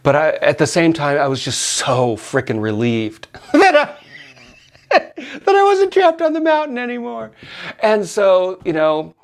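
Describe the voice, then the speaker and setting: A middle-aged man casually telling a personal story, animated and often laughing as he acts out his own yells. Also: high-pitched, unhurried.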